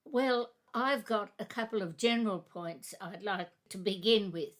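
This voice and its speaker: A woman co-hosting a literary discussion podcast, reading a chapter summary and giving measured, thoughtful commentary. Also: mid-range voice, a bit bright. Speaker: podcast co-host.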